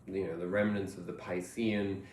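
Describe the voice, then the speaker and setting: A man giving a reflective tarot reading, musing and meandering, often trailing off softly. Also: sits low, little pitch movement, moderate pace, a little hiss or hum. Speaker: tarot reader. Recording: roomy echo, faint ambience.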